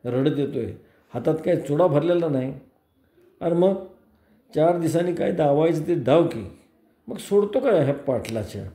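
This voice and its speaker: A man's voice: on the high side, expressive, normal speed, long pauses, warm tone, roomy sound. A man voicing a hot-headed villager. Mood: heated. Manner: heated, retorting.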